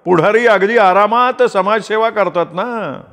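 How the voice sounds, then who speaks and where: A dry, mocking elder brother, put on by a male narrator, lifted high and drawn out slowly to make fun. A long room reverb trails behind him. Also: a bit bright. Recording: roomy reverb.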